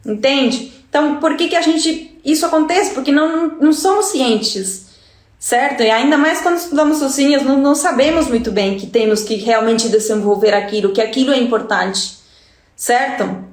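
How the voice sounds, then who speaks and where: A woman's voice: high-pitched, normal speed, reverberant. A woman from Uruguay, a native Spanish speaker with a Uruguayan Spanish accent, teaching Spanish in a live-stream lesson and checking in with her listeners all the time. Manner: chatty, checks in with listeners often.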